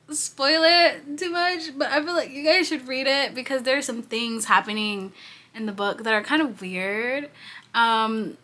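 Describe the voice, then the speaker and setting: Her voice is high-pitched, bright and forceful: a young New York woman in her twenties doing a casual reading vlog at home on her phone camera. Congested and sniffly, she keeps the talk chatty and slangy, full of rambling asides.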